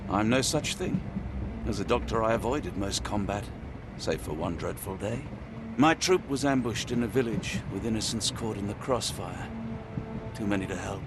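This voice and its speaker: An actor playing an earnest, anxious gentleman doctor in a video game, with a British accent and formal, expressive delivery. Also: on the low side, moderate pace, noisy background, close to an everyday voice. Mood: regretful, sombre. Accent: British English. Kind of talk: dramatic video game cutscene acting. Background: music.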